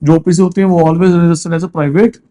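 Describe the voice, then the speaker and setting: High, mellow-voiced male law teacher. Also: fairly even intonation, unhurried. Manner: mixes Hindi and English, asks and answers his own questions. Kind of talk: classroom lecture.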